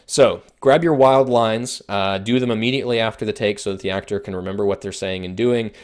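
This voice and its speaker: A man with a somewhat low voice walks through recording tips as an instructor. He talks casually, with fillers and restarts as he explains. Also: a little fast, a little mellow. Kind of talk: video production lesson.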